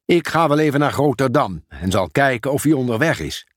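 A man's voice: medium pitch, very animated, a little fast, no echo, clean studio sound. A man voicing a helpful village police officer who puffs and doubts in a storybook reading. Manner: puffing, doubtful. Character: adult male police officer, eager to help.

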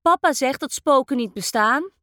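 A woman voicing an excited little boy at bedtime, eager and bright. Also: sits high, moderate pace, no echo, studio quality, pitched above the performer's own voice.

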